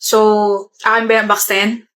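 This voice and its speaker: A woman performs a comedic skit in a somewhat high voice, with teasing, playful banter. She was recorded in an echoey room. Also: completely flat delivery, moderate pace, pushed and bright.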